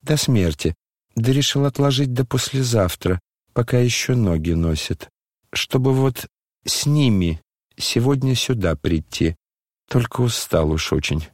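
A man reading an audiobook voices a frail dying young man, hoarse, quiet and tired, almost whispering. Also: mid-range voice, lively intonation, measured pace, dry recording, studio quality. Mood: quiet, weary.

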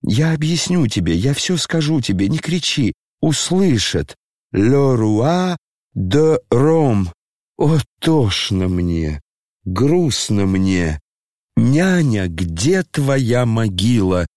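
A man voicing a maudlin, grandiose old retired general, speaking slowly and declaiming in lament, in an audiobook reading. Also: mid-range voice, very animated, a little mellow, no room sound, clean studio sound.

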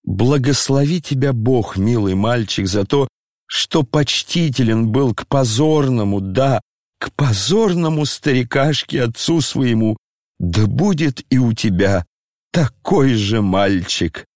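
A man voicing a maudlin, grandiose old retired general, speaking slowly and declaiming in lament, in an audiobook reading. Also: medium pitch, lively intonation, a little mellow, dry recording, clean studio sound.

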